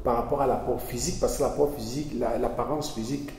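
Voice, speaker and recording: Heard from far away in an echoey hall, this Belgian essayist guest talks fast in a steady, medium-pitched, somewhat dark voice. Being interviewed conversationally, he sounds earnest yet hesitant and keeps restarting his phrases.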